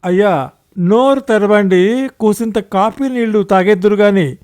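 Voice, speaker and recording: A man voicing a plain-spoken male household servant who shouts his words in rustic speech. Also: sits high, a little slow, pitched above the performer's own voice. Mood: coaxing.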